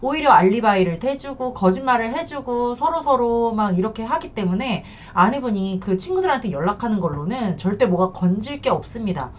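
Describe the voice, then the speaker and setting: A woman counselor speaks frankly and bluntly about unfaithful husbands. Her pitch moves a great deal as she acts out quoted lines. The recording sounds dull and lo-fi. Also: brisk, few pauses, a little hiss or hum. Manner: blunt, acts out quoted men in lively bursts. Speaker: divorce and infidelity counselor. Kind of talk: advice talk to camera.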